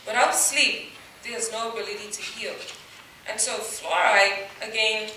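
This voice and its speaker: Bright-voiced woman speaking in an echoey hall. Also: mid-range voice, steady tone, a little slow, recorded from a distance, slight background noise. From Bahamas. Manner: earnest, many "um" fillers, stressing key words. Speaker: dentist giving a talk. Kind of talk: public presentation. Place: large hall, voice heard from afar.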